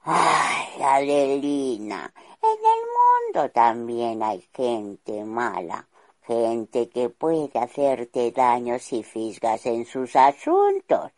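A woman voicing a worried, fatherly old king in a storybook, slow and husky. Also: rumbling low, wildly swooping pitch, darkish tone, full character voice. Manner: slow, sighing warnings.

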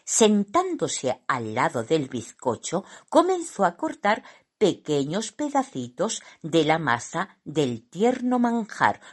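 A woman narrating a children's storybook in an expressive, unhurried manner. Her voice sits fairly low for a woman, yet rises and falls with plenty of color. She reads slowly and carefully, letting each phrase land. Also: husky. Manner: expressive, unhurried reading aloud.

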